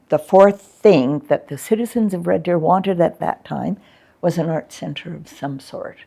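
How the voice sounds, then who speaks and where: An older woman from Canada, once an arts coordinator, reminisces frankly about her arts work during an interview, chatting with lots of ums. Her low-pitched voice is dark and husky, with vocal fry.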